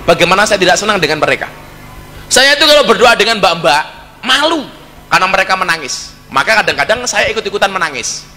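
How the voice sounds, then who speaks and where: A man's voice: high-pitched, big pitch swings, fast, pushed and bright, long reverb tail, soft background music. A middle-aged man with a Javanese accent giving a humorous religious talk, joking and teasing with Javanese asides. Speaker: preacher.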